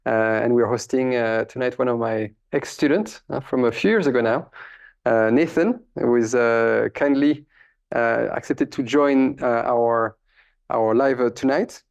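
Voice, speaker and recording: A man's voice: mid-range voice, a little slow, vocal fry. A man hosting a podcast interview with a former student, speaking hesitantly with many fillers. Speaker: podcast host, former teacher. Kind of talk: casual interview.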